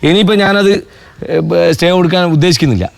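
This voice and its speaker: A man with a Kozhikode Malayalam accent, calmly mediating a village quarrel and explaining at length. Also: sits high, vocal fry. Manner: calm, explaining at length, fast-talking. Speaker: local mediator settling a neighbour dispute. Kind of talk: Malabar village comedy serial acting.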